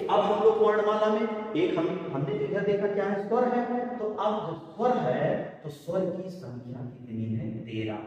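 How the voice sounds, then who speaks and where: A man's voice: on the high side, darkish tone. A male teacher giving a classroom lecture, asking questions and answering them himself, repeating key words in a sing-song way. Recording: echoey room from far off.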